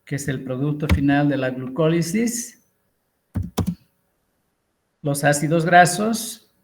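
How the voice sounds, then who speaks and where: A middle-aged man, giving an online lecture and explaining with pauses and fillers. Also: a little high, lively intonation, noisy background. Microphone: computer mic on a video call.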